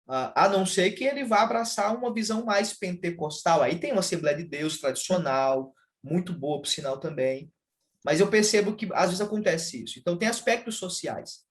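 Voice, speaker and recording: Um pastor brasileiro explica teologia em uma conversa, de modo pausado e didático, com muitos "ah" de hesitação. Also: male voice, on the high side. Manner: measured, explanatory, with frequent "ah" fillers. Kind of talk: casual theological conversation.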